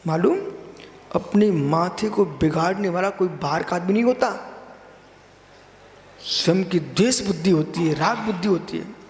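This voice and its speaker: A man delivers a slow, unhurried sermon as a monk in a very high register, driving points home by repeating phrases and acting out small exchanges between people. His voice rings through a large, echoing hall with a long reverb tail. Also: a little mellow. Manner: repeats phrases for emphasis, acts out little dialogues. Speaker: Jain monk giving a sermon.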